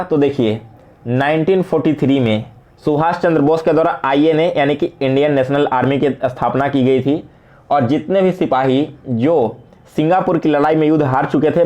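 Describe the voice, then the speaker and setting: Leading an exam-prep session, an Indian-accented man works through quiz questions and explains the answers, slipping English terms into his speech. His voice sits on the high side with a dark tone, and the audio sounds dull.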